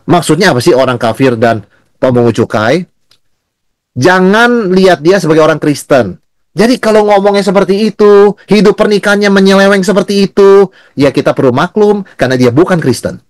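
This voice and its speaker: A man's voice: high-pitched, fairly quick, no echo, clean studio sound. A male pastor teaching a Bible study in a conversational way, often asking and answering his own questions. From Indonesia.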